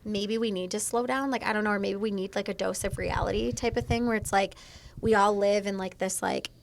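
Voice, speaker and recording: A woman's voice: mid-range voice, fairly even intonation, fairly quick, creaky. A woman co-hosting a casual podcast, rambling with lots of fillers. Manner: rambling, filler-heavy talk. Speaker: podcast co-host.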